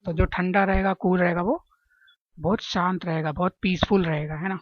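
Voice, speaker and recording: A woman's voice: lowish voice, steady tone, moderate pace, dry recording, highs cut off. A woman teaching general-knowledge exam questions and explaining memory tricks, often checking in with her listeners. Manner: chatty, keeps asking "है ना?" to check understanding.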